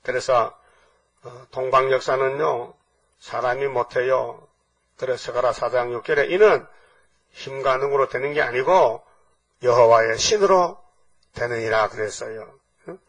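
Husky older preacher. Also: male voice, mid-range voice, a little slow, long pauses. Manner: emphatic, peppers talk with rhetorical checks to the congregation. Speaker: pastor. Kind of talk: sermon. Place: church sanctuary. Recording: voice from far off the mic.

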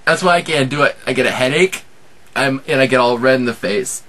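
A man in his twenties hosting a casual how-to vlog, explaining things informally and a little haltingly, step by step. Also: mid-range voice, sharp tone. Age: 20s. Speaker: amateur impressionist and video host.

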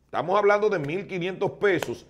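A man with a Dominican accent, arguing emphatically as a TV panelist in a lively studio debate. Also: high voice, muffled recording. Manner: emphatic, insistent, lists items rapidly.

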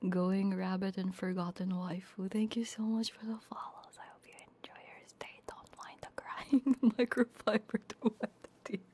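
Her medium-pitched voice is slightly rough and level in tone, moving at a moderate pace. The woman, an ASMR streamer and Vtuber, chats casually on a livestream close to a binaural ASMR mic, tearful and laughing through tears while she flusters, apologizes, runs herself down and sinks into soft whispers.

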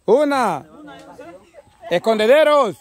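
A man's voice: extremely high pitch, animated, takes it slowly. A man with a Salvadoran accent hosts an outdoor game and calls out repeated guidance and commentary to the players. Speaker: game show host. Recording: outdoor crowd chatter.

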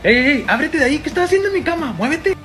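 A man's voice: extremely high pitch, lively intonation, very fast, sharp tone, soft background music, full character voice. A man voicing a pushy, rude young cousin in a comedy sketch. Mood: bossy. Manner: bossy, brash.

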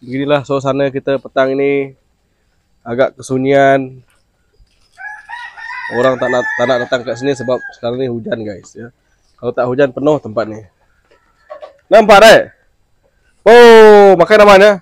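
A man's voice: medium pitch, flat delivery, normal speed, long pauses, no echo. A man chatting casually to viewers in a vlog, teasing and repeating himself as he shows around an outdoor spot after rain. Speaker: vlogger.

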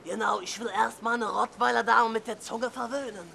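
A man's voice: very high-pitched, fairly even intonation, normal speed, vocal fry, pushed and bright, a little hiss or hum, exaggerated voice. A man voicing a leering, lecherous older man on the phone, with a relishing way of talking. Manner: drawling, relishing, coos "Jüngerlein".

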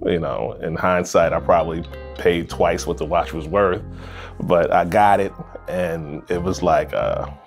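A man tells his story as an interview guest. He speaks slowly and easily, with lots of fillers. His voice sits very low, and soft music plays faintly underneath. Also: gravelly. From Brooklyn, New York. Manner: relaxed, unhurried, frequent fillers. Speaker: interview guest, watch collector.

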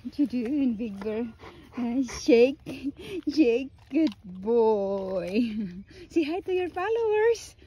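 High-voiced woman coaxing her dogs. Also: animated, slow, warm tone, highs cut off. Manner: coaxing sing-song talk to pets. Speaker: dog owner vlogger. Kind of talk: casual vlog talking to her dogs. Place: outdoors at home with dogs.

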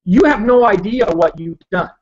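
A man's voice: high voice, animated, normal speed, darkish tone, breathy edge, highs cut off. A man arguing a point earnestly and step by step, his online call audio glitching and breaking up. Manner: earnest, argumentative, explaining step by step. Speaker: debater. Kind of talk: philosophical debate over an online call.

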